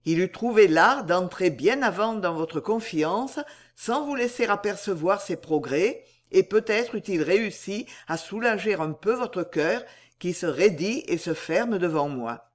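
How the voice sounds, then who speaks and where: Man doing an earnest, clumsy English gentleman. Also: high voice. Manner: earnest, plain-spoken, insistent. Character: earnest, awkward English gentleman, her loyal cousin.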